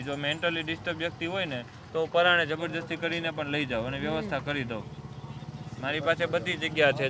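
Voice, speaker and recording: A man, a social worker gently coaxing and explaining outdoors by a road. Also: a little high. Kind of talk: calm persuasion and explanation. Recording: outdoor traffic noise.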